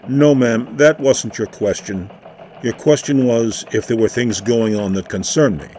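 A man's voice: medium pitch, measured pace, mellow, a little hiss or hum, close to an everyday voice. A man voicing a tight-lipped male elf security agent who answers in clipped, formal replies. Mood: curt.

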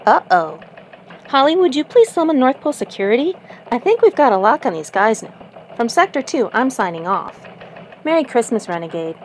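A woman as a lively elf field reporter. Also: a little high, fairly quick, slight background noise, poor audio. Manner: newsy reporter delivery.

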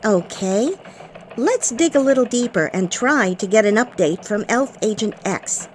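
A woman playing a female elf news anchor in a mock radio newscast, with crisp anchor delivery. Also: a little high, lively intonation, unhurried, a little hiss or hum. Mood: poised, formal.

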